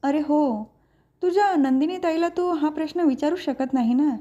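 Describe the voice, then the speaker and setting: A woman's voice: sits high, moderate pace, dark tone, dull audio, natural voice. A woman voicing a scheming, spiteful middle-aged aunt from a family serial, speaking in a mocking, taunting way. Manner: sneering, mocking.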